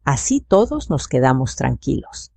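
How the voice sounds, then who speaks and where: An older woman voicing a worried adult son who speaks hesitantly with a lowered voice. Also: big pitch swings, measured pace, gravelly, darkish tone, breathy edge, dry recording, exaggerated voice. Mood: uneasy.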